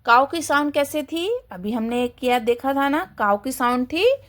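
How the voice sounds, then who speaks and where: A woman teacher with a fairly high voice, slowly and patiently teaching small children English. She asks a question and answers it herself, and sometimes imitates animal sounds. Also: animated, fairly bright tone. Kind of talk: kindergarten English lesson in Hindi and English.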